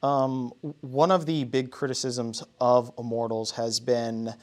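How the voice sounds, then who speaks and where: A man's voice: medium pitch, flat delivery, a little slow. A man interviewing a coach, asking careful, hesitant questions with fillers.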